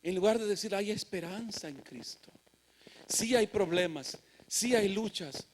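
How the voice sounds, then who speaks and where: A male pastor delivers a sermon in a church sanctuary. His voice sits notably high for a man. He builds from steady scripture reading to fervent, emphatic declarations. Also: measured pace, slight background noise.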